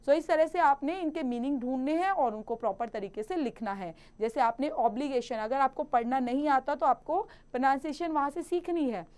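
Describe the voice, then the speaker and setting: A woman with an Indian accent teaching a grammar lesson to children. She reads English slowly and carefully, then explains quickly in Hindi. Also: high voice, a little mellow.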